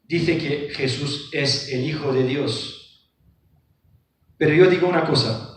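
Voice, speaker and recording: A man's voice: a little high, takes it slowly, distant mic. Man lecturing in a very echoey hall. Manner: reads verses aloud, explains with rhetorical questions. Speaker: book presenter. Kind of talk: lecture on scripture. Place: lecture room.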